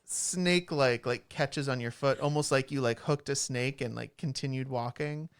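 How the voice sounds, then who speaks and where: A man's voice: medium pitch, moderate pace, clean tone. A man narrating a tabletop game as game master, describing scenes loosely with many fillers and restarts. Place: college radio studio.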